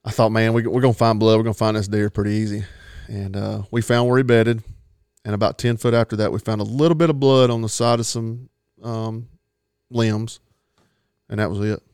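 A man's voice: on the low side, little pitch movement, brisk, darkish tone, clean tone, no room sound, clean studio sound. Folksy man telling a hunting story. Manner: rambling, folksy, laughs at his own story. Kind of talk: casual storytelling.

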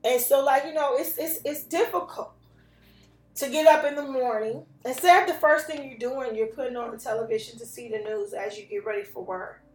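A woman's voice: high voice, normal speed. A woman hosting a podcast, talking earnestly and emphatically, circling back and repeating her points in a motivational style. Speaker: podcast host. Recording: echoey room with faint music.

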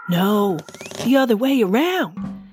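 A woman's voice: fairly high pitch, very animated, slow, loud music behind the voice. Woman as a chatty Christmas bauble. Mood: eager storytelling. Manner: chatty, matter-of-fact storytelling. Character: chatty, friendly female Christmas ball ornament, newcomer. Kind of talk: children's audio drama acting.

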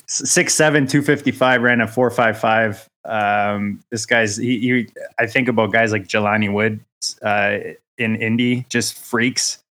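A man appearing as a guest on a casual sports podcast, talking in a halting way, often repeating words and joking about himself. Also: medium pitch, fairly even intonation, a bit bright.

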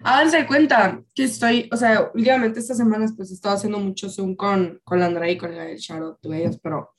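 A woman's voice: mid-range voice, fairly quick. A woman, a podcast co-host rambling through a story with lots of fillers. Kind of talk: casual chat.

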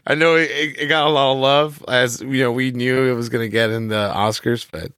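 A man with a mid-pitched voice, recorded close and dry, co-hosts a movie podcast. He chats casually and slangily, like one buddy to another. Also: steady tone, brisk, fairly bright tone, smooth, dry recording. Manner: slangy, calls his partner brother, dude and man. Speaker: podcast co-host. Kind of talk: casual film podcast chat.

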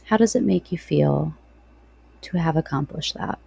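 Female meditation guide: soft, soothing, unhurried, with a mellow tone and creaky edges. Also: low voice, dry recording. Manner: soft, slow, soothing delivery with long pauses. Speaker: podcast host.

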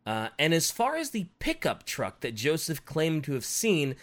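A man's voice: on the high side, huge pitch swings, moderate pace, fairly bright tone. A man casually retelling a true-crime case on a podcast, swearing, restarting his lines, and slipping into a southern drawl for quotes.

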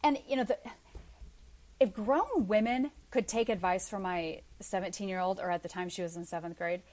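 A woman's voice: mid-range voice, moderate pace, a little mellow. A woman in her forties talking candidly and wryly as an interview guest. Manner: candid, chatty, wry. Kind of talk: casual interview chat.

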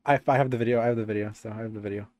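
A man co-hosting a casual podcast with friends, excitable and repeating himself a lot. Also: on the low side, racing, no room sound. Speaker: podcast co-host. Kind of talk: casual chat among friends.

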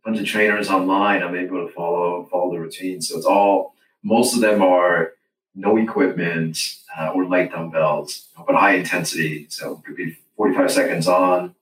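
A middle-aged man from Hong Kong, a finance executive chatting casually as an interview guest, relaxed and self-deprecating, often repeating words as he starts a thought. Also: sits low, normal speed. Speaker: guest, chief financial officer. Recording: distant echoey remote audio with faint noise.

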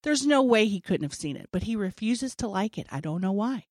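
A woman's voice: mid-range voice, expressive, a little fast, a little mellow, dry recording, clean studio sound. A woman co-hosting a podcast, talking candidly and animatedly in casual chat. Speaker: podcast co-host.

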